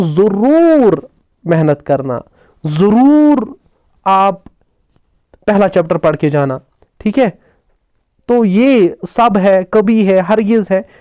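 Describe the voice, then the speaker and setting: A man's voice: high voice, unhurried, a little mellow, smooth, no room sound, studio quality. A man teaching a grammar lesson for exams, asking questions and answering them himself, with English terms mixed into his explanations. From Jammu and Kashmir. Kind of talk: exam-focused grammar lesson.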